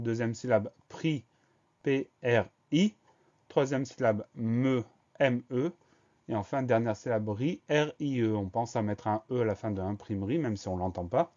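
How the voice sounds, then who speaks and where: A man's voice: mid-range voice, a little mellow, muffled recording. Patient man spelling words for dictation. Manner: patient, methodical, spells letter by letter. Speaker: French teacher.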